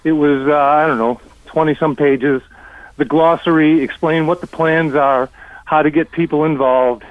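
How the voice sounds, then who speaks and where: A man's voice: a little high, fairly even intonation, normal speed, no room sound. An older man calling in to a radio show over a phone line, blunt and exasperated. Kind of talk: call-in comment on a talk show.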